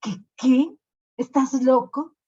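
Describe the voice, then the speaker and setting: A woman voicing an angry, indignant male king who shouts at his knight, in a told story. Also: extremely high pitch, steady tone, takes it slowly, breathy edge, pitched above the performer's own voice, full character voice. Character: angry old male king, just healed. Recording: lo-fi recording.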